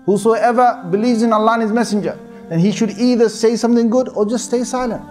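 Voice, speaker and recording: Guy preaching casual, pretty high voice, keeps repeating himself, faint music behind. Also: fairly even intonation, quick pace, a little mellow. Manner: earnest, repetitive exhortation with many fillers. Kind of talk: informal sermon to a young audience.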